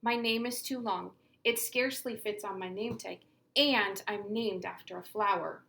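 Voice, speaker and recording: A woman reading aloud as a sensitive young schoolgirl who is teased for her long name, her voice lifting when cheerful and slowing when glum. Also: medium pitch, vocal fry, a bit bright. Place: classroom.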